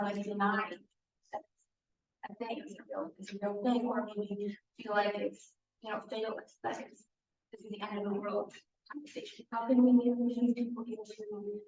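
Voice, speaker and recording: A young woman from Wisconsin, a student presenter who talks in a thoughtful, halting way with a lot of "like". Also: mid-range voice. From Madison, Wisconsin. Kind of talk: moderating questions in a presentation. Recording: roomy, distant, dull recording.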